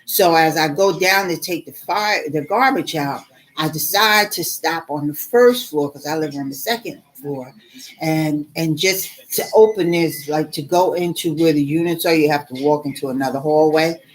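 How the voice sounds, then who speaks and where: A middle-aged woman in casual storytelling mode, animated and fed up as she recounts what happened. Her voice sits a little low for a woman, and she keeps turning to the listener as "girl". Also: moderate pace. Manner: animated, exasperated, addresses viewer as "girl". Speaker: vlogger.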